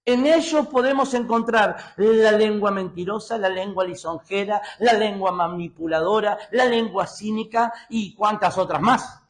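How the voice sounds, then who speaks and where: A middle-aged man with an Argentine accent preaches a sermon in a voice that sits high for a man. He speaks emphatically and slows down to read scripture aloud. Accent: Argentine Spanish. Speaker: pastor.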